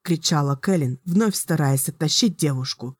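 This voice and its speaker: A woman narrating an audiobook in a measured, dramatic reading. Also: deep voice, a little mellow, no room sound, clean studio sound. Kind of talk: scripted narration.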